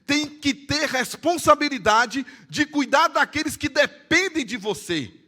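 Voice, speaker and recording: A man with a Brazilian Portuguese accent, a pastor preaching a sermon in church, swinging between loud emphatic lines and hushed storytelling. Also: very high-pitched, animated, a little slow. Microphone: live-streamed church service mic.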